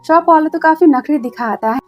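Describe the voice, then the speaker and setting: A woman narrating a drama recap, retelling the plot in a brisk, plain storytelling way. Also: high voice, muffled recording, soft background music.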